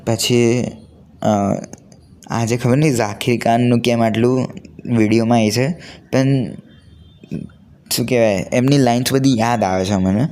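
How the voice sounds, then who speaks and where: A teenage boy vlogger with a Gujarati accent talks to camera in an unscripted, casual pep talk, earnest and colloquial, with English words mixed in. His mid-range voice is warm and fairly even in intonation. He takes his time, leaving long pauses.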